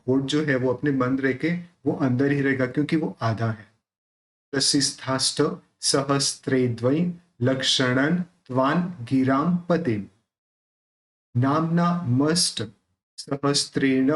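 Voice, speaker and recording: An Indian man teaching how to pronounce a devotional hymn. He chants the verses slowly, then explains them quickly. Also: mid-range voice, fairly even intonation, poor audio. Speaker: recitation teacher. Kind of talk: pronunciation lesson.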